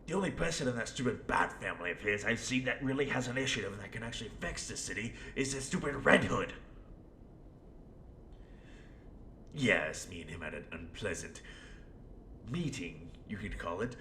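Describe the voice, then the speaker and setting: A man voicing an unhinged, menacing clown supervillain in a rambling, theatrical audio roleplay, with a gravelly voice and smug manner. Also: pushed and bright, full character voice. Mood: bitter. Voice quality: gravelly, creaky. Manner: rambling, theatrical, swinging from mutters to outbursts. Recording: roomy echo, faint rumbling noise.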